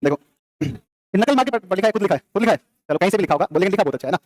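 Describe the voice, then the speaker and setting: A male teacher, lecturing a classroom, quizzing students and answering his own questions in quick repetitive drills. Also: high voice, lively intonation.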